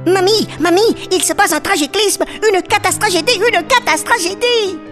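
A woman voicing a small, brave, excitable duckling who repeats his words and mangles big words in a children's story. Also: very high voice, normal speed, over music. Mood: alarmed. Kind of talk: storybook acting.

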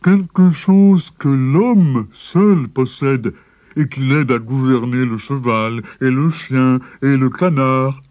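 A man's voice: mid-range voice, slow pace, darkish tone, no room sound, natural voice. Man voicing a timid stammering buffalo. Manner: hesitant, stammering. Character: timid, simple-minded male water buffalo.

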